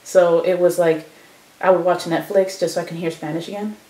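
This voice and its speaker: A woman's voice: lowish voice, fairly even intonation, fairly quick, dark tone, reverberant, rough recording. A young woman from Chicago telling her story in a casual oral history interview, full of fillers and quoted dialogue. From Chicago, United States.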